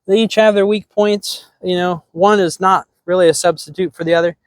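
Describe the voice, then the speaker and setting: A man's voice: sits high, a little fast, no echo. Middle-aged guy chatting about his drones, loose and rambly, dry close sound. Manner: relaxed, rambling, many ums and restarts. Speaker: drone hobby channel host. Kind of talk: casual product talk to camera.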